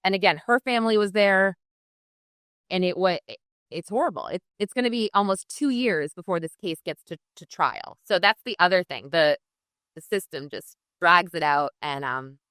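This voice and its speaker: Female guest reporter, earnest storyteller with frequent restarts, bright and crisp, lowish pitch for a woman. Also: animated, moderate pace, dry recording. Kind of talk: live podcast storytelling. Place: pizzeria before live audience.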